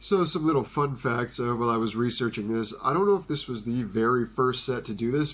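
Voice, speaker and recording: A man's voice: mid-range voice, slightly rough. A young man with a stuffy, blocked nose from allergies, casually hosting a card review with playful asides. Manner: playful, jokey asides to an imagined listener. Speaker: Magic card video host.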